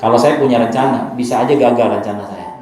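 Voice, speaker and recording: A man's voice: medium pitch, quick pace, a little mellow. A male pastor preaching a sermon with emphasis, speaking directly to the congregation and leading them in spoken responses. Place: church service. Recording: echoey church hall with music.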